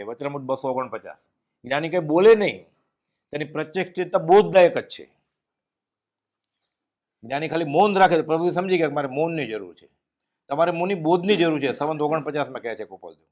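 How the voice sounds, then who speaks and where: A man giving a devotional discourse, telling stories and dropping his voice low and quiet at solemn moments. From Gujarat, India. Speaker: spiritual speaker giving a discourse.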